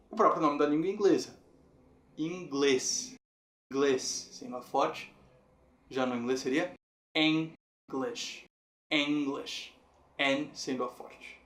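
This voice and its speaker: A man with a slightly high voice gives a patient, explanatory video lesson. He slows down to spell out how each word is said. The room around him rings with a noticeable echo. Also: fairly bright tone. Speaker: English teacher. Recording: roomy echo.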